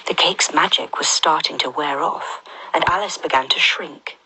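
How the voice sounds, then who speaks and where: A woman's voice: sits low, moderate pace, a little hiss or hum, low-quality recording. Woman narrating a storybook in a whisper. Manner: soft, half-whispered and gentle.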